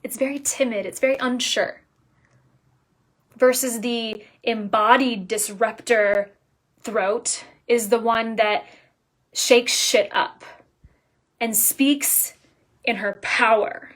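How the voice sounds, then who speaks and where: A woman coach giving a casual live talk, energetic and emphatic, dropping at times to soft, near-whispered lines. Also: on the high side, slow, pauses often. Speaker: business coach.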